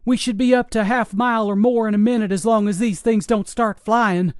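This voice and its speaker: A man's voice: high voice, steady tone, a little fast, darkish tone, clean tone, no room sound, studio quality, pitched above the performer's own voice, natural voice. A man voicing a shaken Navy SEAL who talks in clipped, urgent military radio phrases. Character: shaken male Navy SEAL soldier on the run.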